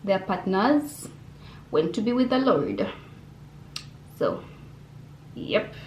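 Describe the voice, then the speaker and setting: Young woman, casual Q&A vlogger, expressive and chatty, talks straight to camera in a roomy-sounding bedroom. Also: mid-range voice, slow. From Uganda. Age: young adult. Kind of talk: casual Q&A vlog. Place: bedroom indoors. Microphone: camera on desk facing her. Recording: roomy bedroom echo, faint hum.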